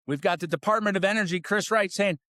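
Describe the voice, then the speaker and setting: A man delivers a heated political rant, sarcastic and full of swearing. His voice sits fairly high for a man. The sound is dry and close, with no room echo. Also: fast talker, sharp tone. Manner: angry, profane, sarcastic. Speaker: podcast host.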